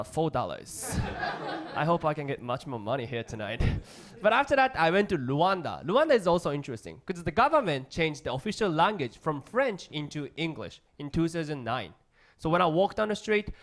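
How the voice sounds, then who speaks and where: A male stand-up comedian with a strong Japanese accent and a fairly high voice. His pitch moves in lively swings as he tells stories in simple, halting English and acts out little exchanges for a live audience.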